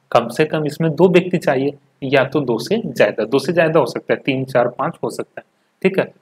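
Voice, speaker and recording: Husky-voiced man teaching a commerce class. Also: medium pitch. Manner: explains step by step with frequent "ठीक है" check-ins; reads English textbook lines slowly, then explains them in Hindi. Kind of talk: recorded classroom lecture.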